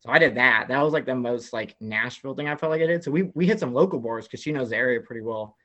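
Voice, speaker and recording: A man spins a long, rambling story in casual chat. His voice sits at an ordinary middle pitch, and he leans heavily on "like" as he talks. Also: quick pace, dull audio. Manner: rambling, many "like" fillers, animated retelling. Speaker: podcast guest.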